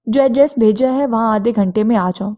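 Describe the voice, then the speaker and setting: A woman's voice: fairly high pitch, mellow, natural voice. A woman voicing a polite male hotel guest who speaks in a friendly, reassuring way.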